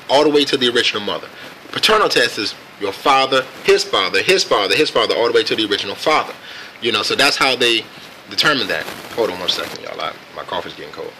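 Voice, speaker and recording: An American man casually telling a personal story on camera in a reflective, laid-back and halting way. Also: mid-range voice, bright, forceful tone, slight background noise, rough recording. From United States. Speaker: vlogger.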